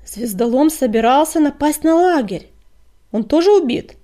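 Lady doing a loud snarly tomcat warrior, hot-headed, storybook. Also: a little high, fairly quick, lightly acted. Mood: angry. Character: fierce, hot-tempered male warrior cat.

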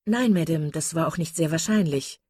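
A woman voicing a composed, sensible young woman in an audiobook, speaking calmly and politely. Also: deep voice, moderate pace, slightly rough, no echo, studio quality. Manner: calm, polite, even. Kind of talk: audiobook character reading.

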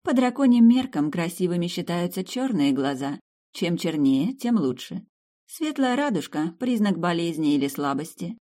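A woman voicing a young noble dragon countess in an audiobook, soft, candid and a little shy. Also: fairly low pitch, sing-song, normal speed, voice pushed up.

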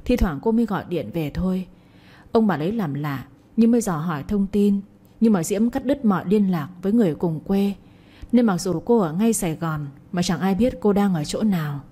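A woman tells a family drama in a measured, moralizing tone. Her voice is mellow and warm with a slight husk. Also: medium pitch, animated, breathy edge. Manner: measured, commenting on events. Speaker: storyteller. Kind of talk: narrated moralizing story.

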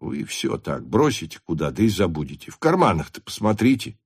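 A put-upon servant grumbles in folksy speech, voiced by a male audiobook reader. His tone is low and a little sullen. He talks in plain, common words. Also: sing-song, a little fast, breathy edge, full character voice. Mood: grumbling. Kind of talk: audiobook character voice.

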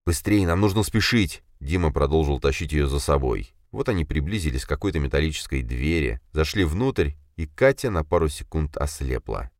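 A male narrator reads a fantasy novel with dramatic expression. His very low voice moves with a lively pitch. The sound is dry and close, as in a small booth. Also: a little fast, hardly any pauses, dry recording. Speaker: audiobook narrator. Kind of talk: scripted fiction narration.

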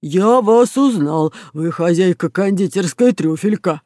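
A woman narrator becomes a grumpy bearded burglar from a children's tale. He talks in a low, slow grumble, as if every word is an effort, and he sounds a little far from the mic in a dry, close room. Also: animated, mellow, dry recording. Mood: surprised. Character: gruff bearded male art thief, sulky.

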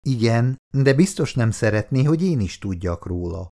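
A man reading an audiobook voices an easygoing man who talks in a gentle, coaxing way. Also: mid-range voice, very animated.

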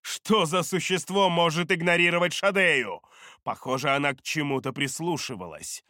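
A man narrating a dark fantasy audiobook in a measured, deliberate way on a close studio mic. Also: on the high side, no room sound.

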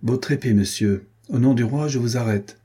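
A man's voice: mid-range voice, moderate pace, warm tone, slightly rough. A man voicing a stern royal officer who speaks firmly and formally.

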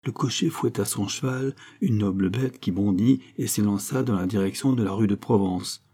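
Low, husky male audiobook narrator. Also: mellow. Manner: measured dramatic reading. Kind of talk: novel narration.

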